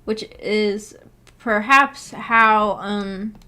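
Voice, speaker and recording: This book club host chats casually with her livestream audience, answering their comments with rambling, hesitant giggles. She speaks very slowly in a mid-range voice that is bright, forceful, and clean.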